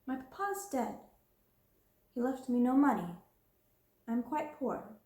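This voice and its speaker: A woman voicing a proud orphaned little girl who speaks quietly and steadily in a storybook reading. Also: sits high, very animated, unhurried, roomy sound, voice pushed up. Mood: grave.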